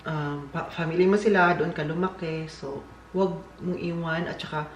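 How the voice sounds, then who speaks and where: A man's voice: on the high side, fairly even intonation, normal speed. A man with a Filipino accent, chatting casually and jokingly as a vlogger, with rambling asides. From Philippines. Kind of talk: casual vlog chat. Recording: echoey room, faint background hiss.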